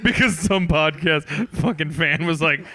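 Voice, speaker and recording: A man's voice: fairly high pitch, a little slow, sharp tone. A man co-hosting a comedy podcast, teasing his friends in casual banter and laughing often at his own jokes.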